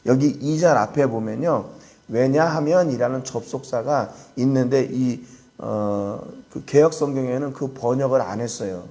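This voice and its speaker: A man, a pastor, preaching an early-morning prayer sermon in an earnest way, sometimes acting out scoffers' voices and dropping to a soft hush for emphasis. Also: medium pitch, normal speed.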